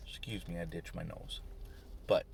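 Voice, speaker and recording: A man's voice: low-pitched, fairly even intonation, normal speed, creaky, a little hiss or hum. A man, short on sleep, ranting on his vlog, swearing and irritated. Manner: swearing, ranting, rising to shouts. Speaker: vlogger.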